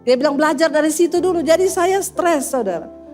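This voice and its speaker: A middle-aged woman pastor with a Sulawesi accent delivers a humorous sermon. Her voice sits high, and she jumps between characters in her stories and keeps calling the listeners saudara. Faint music plays behind her. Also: brisk. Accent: Sulawesi Indonesian. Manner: animated, acts out both sides of arguments, addresses listeners as saudara.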